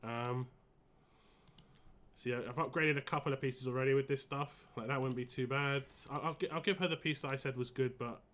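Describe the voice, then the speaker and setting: A man live-streaming a game in casual, rambling and halting chat, wheezy and short of breath with a cold. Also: mid-range voice, fairly even intonation, fairly bright tone.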